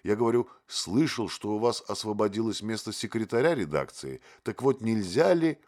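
A man voicing a naive, fawning young male poet who talks in a gushing, drawn-out way. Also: lowish voice, expressive, darkish tone, voice pushed up. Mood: eager.

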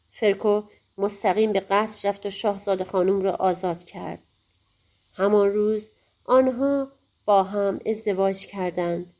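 A woman narrating a fairy-tale audiobook in a gentle, colloquial storytelling manner. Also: medium pitch.

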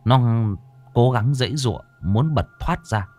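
Male horror narrator, unhurried, lively intonation. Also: mid-range voice, soft background music. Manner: slow, expressive, dramatic storytelling. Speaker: storyteller.

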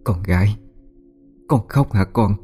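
A man's voice: lowish voice, takes it slowly, slightly rough, faint music behind. Man voicing a grieving old mother. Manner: soft, pleading.

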